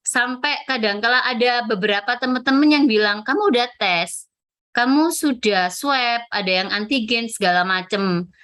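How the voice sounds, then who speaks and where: A woman shares a church testimony in a chatty, storytelling way. She often pauses on fillers and acts out her own remembered words. Her voice is bright and clear and sits somewhat high. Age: 40s. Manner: chatty storytelling with fillers and acted self-quotes. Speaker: testimony speaker at prayer fellowship.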